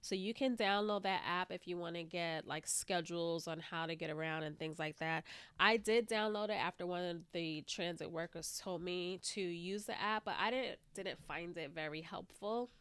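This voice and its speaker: A woman hosts her own casual solo podcast, rambling chattily and peppering her talk with "like" and "you know." Her slightly stuffy, congested voice is fairly low and fairly bright, smooth, at a normal speed, in a dry recording.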